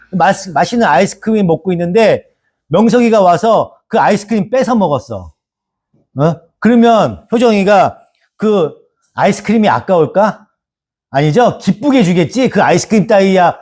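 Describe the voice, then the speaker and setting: A man preaching a Sunday sermon as pastor, animated and asking the congregation for agreement again and again. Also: high-pitched. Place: church sanctuary.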